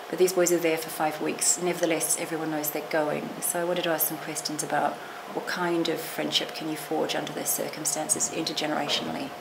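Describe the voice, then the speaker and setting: This is a low, fry-tinged female voice belonging to a middle-aged literature professor. She talks reflectively in an interview, hedging with asides and starting sentences over. She is sitting in a small lecture room, and the recording picks up room noise.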